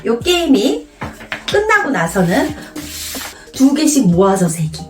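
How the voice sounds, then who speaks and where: A woman explains a children's card game in a playful, animated classroom manner, her voice sitting a little high and swinging widely in pitch. She sounds somewhat distant from the mic in a roomy space, with faint music underneath. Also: slow pace. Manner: animated, playful teacher voice with exaggerated storytelling. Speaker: teacher demonstrating a memory card game. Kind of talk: classroom-style demonstration and storytelling.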